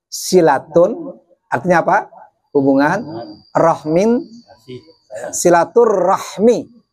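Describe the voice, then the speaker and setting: A man's voice: on the high side, darkish tone. A man giving a Sunday morning religious lecture, asking his audience questions and answering them himself, drawing out words to show how they are said. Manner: stretches words to show pronunciation. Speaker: preacher.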